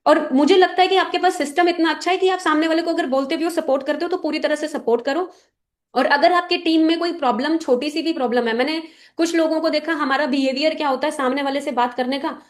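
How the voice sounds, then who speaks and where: Brief: a woman with a high voice leads a team meeting, firm and instructive, often checking everyone is following. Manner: direct and instructive, often checking listeners understand. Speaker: team leader addressing a business meeting. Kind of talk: motivational talk to a sales team.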